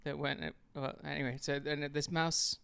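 A man co-hosting a podcast in casual comedic chat, rambling and restarting as he builds up deadpan jokes. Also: a little high, moderate pace, creaky, clear, resonant tone. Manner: rambling, stop-start setup of deadpan jokes. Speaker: podcast co-host.

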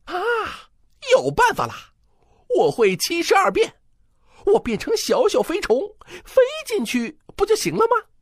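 A woman's voice: very high-pitched, wildly swooping pitch, a little slow, no room sound, studio quality, full character voice. A woman voicing a cocky, mischievous male monkey king in a children's storybook, boastful and teasing.

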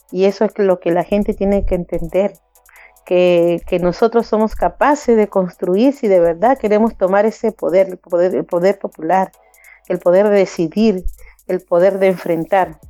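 Woman around fifty, passionate, mellow tone, dry sound, interview guest. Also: mid-range voice, dry recording, highs cut off. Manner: passionate, acts out others' voices with laughter. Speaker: migrant community organizer, guest. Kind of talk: animated interview talk.

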